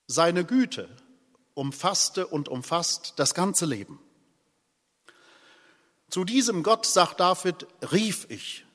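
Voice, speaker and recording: Slow-preaching pastor in a reverberant church. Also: male voice, fairly high pitch. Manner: solemn, deliberate preaching with wide swings in loudness. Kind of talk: sermon.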